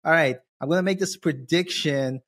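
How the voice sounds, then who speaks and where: A man's voice: fairly high pitch, normal speed, fairly bright tone. Sarcastic male programmer co-host. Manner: sarcastic, rambling. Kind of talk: casual tech chat.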